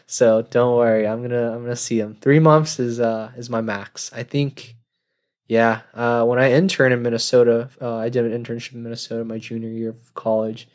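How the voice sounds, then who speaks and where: A man's voice: mid-range voice, flat delivery, normal speed, darkish tone. Rambling young man on a solo podcast. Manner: rambling, self-deprecating, laughs at his own jokes. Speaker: podcast host. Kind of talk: casual solo monologue.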